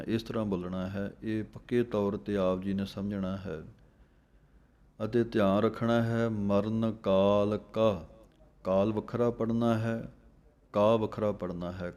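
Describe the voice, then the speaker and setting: Male scripture teacher, low flat delivery, very slow and methodical. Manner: recites verses slowly, then explains letter by letter. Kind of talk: slow recitation lesson with spelling explanations.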